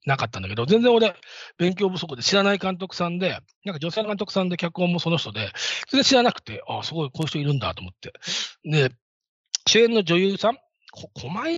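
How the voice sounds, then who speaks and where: A man's voice: fairly high pitch, a bit bright, slightly rough, dry recording. A man in his fifties hosting a show, talking casually in a rambling, self-deprecating way. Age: 50s. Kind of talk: casual solo talk. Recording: dull lo-fi, dry sound.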